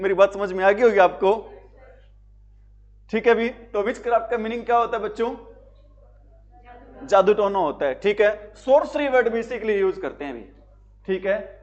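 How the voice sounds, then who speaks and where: Guy teaching vocab, keeps asking n answering his own qs, high voice, kinda dull lo-fi audio. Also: darkish tone. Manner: repetitive, quizzing students with call-and-answer questions. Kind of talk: exam-prep vocabulary lesson.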